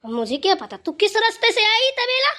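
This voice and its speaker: In heavily acted cartoon voice work, a woman plays a stern, wise old grandmother who scolds the family and then lectures them with advice. Her voice is extremely high, bright and forceful, with big pitch swings and a slightly fast pace.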